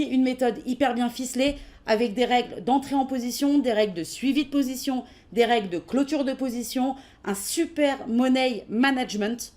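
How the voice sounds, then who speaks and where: French-accented woman hosting a live online trading webinar; slightly high voice, relaxed and halting delivery. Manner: casual and hesitant, many fillers, answers questions while reading them. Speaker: webinar presenter for trading software.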